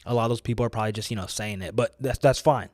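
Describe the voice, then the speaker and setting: A man's voice: fairly low pitch, racing, a little mellow, no echo, studio quality. American man preaching with emphatic urging. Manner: exhortative, emphatic, repeats phrases for effect; casual youthful slang. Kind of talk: motivational preaching, informal.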